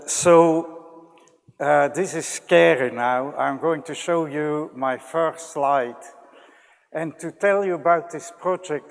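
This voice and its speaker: An older man from Belgium opening a public science lecture in a relaxed, lightly humorous way. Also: mid-range voice. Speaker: physics lecturer. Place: large lecture hall. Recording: lecture hall with long reverb.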